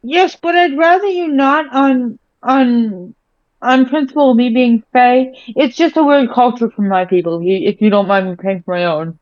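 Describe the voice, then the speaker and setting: A woman's voice: a little high, normal speed, dry recording. A woman playing a tabletop game, casually role-playing and narrating, often hesitant and repeating words. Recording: dry, slightly dull microphone sound.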